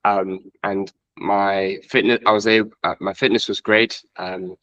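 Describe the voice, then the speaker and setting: A man's voice: fairly low pitch, level tone, a little slow, a bit bright, no room sound, lo-fi sound. A man in his twenties from Iceland, a guest trail runner chatting casually in an interview, rambling with many fillers and self-corrections. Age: 20s.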